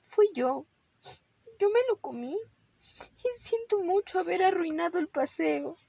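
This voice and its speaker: A woman's voice: sing-song, normal speed, no echo. A woman voicing a little boy rabbit who fibs, stammering and pleading in a storybook read-aloud. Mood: remorseful. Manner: stammering, pleading and high-pitched. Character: fibbing little boy bunny, guilty and nervous.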